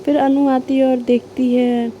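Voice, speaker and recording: A woman's voice: high voice, little pitch movement, unhurried, mellow, dull audio, slight background noise. A woman retelling a serial love story in a chatty way, acting out the characters' lines as she goes. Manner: chatty, retells scenes with quoted dialogue, sings snatches of film songs. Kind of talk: casual spoken storytelling.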